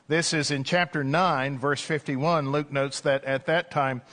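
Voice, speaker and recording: A man preaching a sermon as an Anglican priest at a pulpit microphone in church, in a conversational way with gentle jokes and "uh" fillers. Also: on the high side, steady tone, measured pace.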